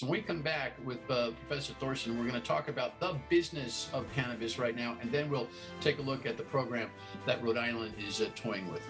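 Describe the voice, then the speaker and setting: A middle-aged man hosting a TV talk show, asking long rambling questions with many stammers and restarts. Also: mid-range voice. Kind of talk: TV interview.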